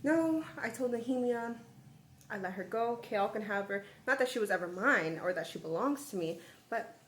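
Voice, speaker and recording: A man's voice: high-pitched, lively intonation, moderate pace, fairly bright tone, reverberant, slight background noise. A woman voicing a brooding young prince who insists again and again that he has let a woman go. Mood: conflicted. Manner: repetitive, insistent.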